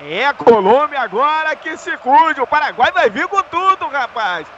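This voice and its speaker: A Brazilian man calling a live football match in an excitable, explosive goal-commentary manner, with shouts and drawn-out words. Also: very high voice, highs cut off. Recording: noisy live sports broadcast.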